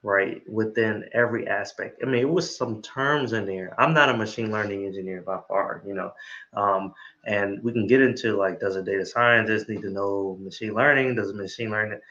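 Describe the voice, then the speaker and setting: An interview host chats casually and enthusiastically, constantly tagging "right?" onto his sentences. His voice is fairly low and fairly bright, at normal speed, with lo-fi sound.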